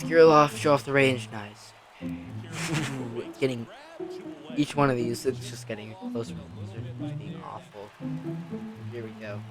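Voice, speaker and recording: A man giving excitable let's-play commentary on a baseball video game, talking back at the game and pleading with players. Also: medium pitch. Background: background music.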